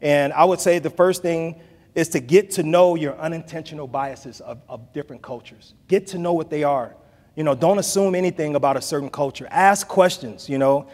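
Speaking from a podium, this keynote speaker in his forties uses a somewhat high, slightly mellow voice at a moderate pace, repeating phrases to drive points home in a conversational style. The large hall has bookshelves and a seated audience. Captured on a podium mic and filmed from the back, the sound carries a long reverb.

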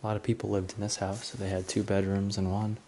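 A man with a deep, mellow voice talks his way through an empty house in a relaxed, musing walkthrough. The camera mic picks him up with a faint hiss behind him. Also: fast talker. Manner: relaxed, musing, low-key asides. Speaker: urban explorer filming a tour. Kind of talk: casual walkthrough narration. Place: indoors in a large empty house.

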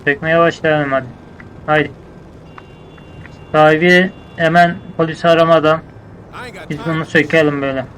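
A man's voice: fairly high pitch, fairly even intonation, moderate pace, long pauses, a bit bright, slight background noise, poor audio. A man acting out a casual game roleplay, bossing his crew around in scolding, slangy street talk.

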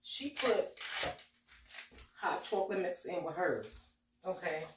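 A woman in her forties with a slight cold chats casually through a cooking vlog in her home kitchen, calling her viewers y'all. Her lowish voice is expressive and slow, set against a noisy background. The camera sits a few steps away, so the mic is distant and the roomy kitchen echoes.

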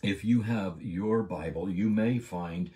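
A man giving a Bible lesson as a sermon, preaching emphatically and slowing down hard on key words. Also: deep voice, mellow. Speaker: Bible teacher. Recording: voice a bit far from the mic.

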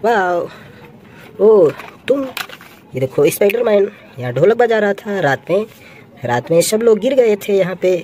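A woman's voice: mid-range voice, animated, unhurried, pauses often, dark tone, a little hiss or hum. A woman narrating a toy play video for children, exclaiming and sing-song, full of "wow" and "oh no".

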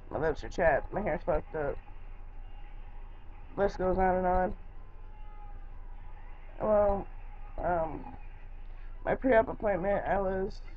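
Weak, sore woman in a muffled recording. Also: lowish voice. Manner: blunt, complaining, lying back in bed. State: weak and in pain after surgery. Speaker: vlogger. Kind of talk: casual chat to camera. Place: small hospital room, indoors, in bed. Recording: dull lo-fi webcam sound, background noise.

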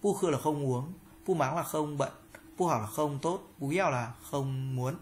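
A woman with a Northern Vietnamese accent teaching beginner Chinese pronunciation, calling out drill syllables in a raised, emphatic voice and explaining each step at a lower pitch. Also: normal speed, darkish tone, slight background noise.

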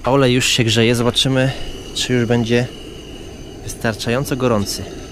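A man's voice: medium pitch, flat delivery, moderate pace, a little hiss or hum. A man vlogging at a campsite, explaining each step to his viewers in a casual, chatty way. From Poland. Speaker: vlogger and father. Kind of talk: casual how-to vlog narration. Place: outdoors at a campsite beside a caravan.

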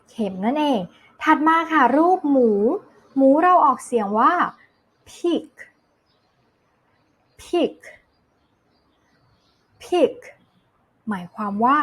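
A woman teaching English to kindergarten children, saying each word slowly and clearly, repeating it, then explaining it. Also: on the high side, a bit bright. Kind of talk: slow vocabulary drill lesson for small children.

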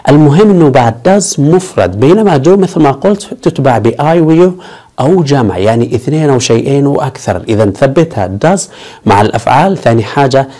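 Brief: male language teacher, upbeat step-by-step explainer, mid pitch. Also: lively intonation, brisk, warm tone. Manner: explains step by step, switching between Arabic and English; upbeat, repeats a catchphrase. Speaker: English teacher. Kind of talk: online language lesson.

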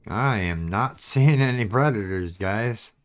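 With a lowish, animated voice and an unhurried pace, this man runs a gaming channel. He keeps up casual commentary for viewers as he plays, though something seems to clog his throat.

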